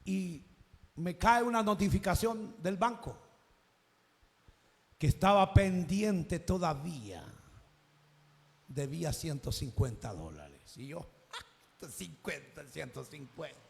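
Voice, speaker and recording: A Salvadoran man preaching a sermon, telling a personal story and acting out its conversations, now and then rising to a shout. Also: high-pitched, big pitch swings, slow, long pauses, big-room sound.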